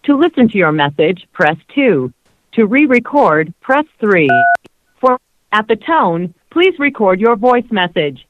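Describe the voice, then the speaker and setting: A woman's voice: mid-range voice, sing-song, measured pace, dry recording. A woman's recorded voice reading an automated voicemail menu over a phone call, formal and evenly paced. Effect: automated voicemail prompt over a phone call.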